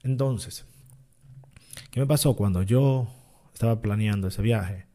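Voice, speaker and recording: A man's voice: fairly low pitch, measured pace, mellow. A man, an online seller talking to his channel in a casual, rambling way that often stops to correct himself. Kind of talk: casual vlog monologue.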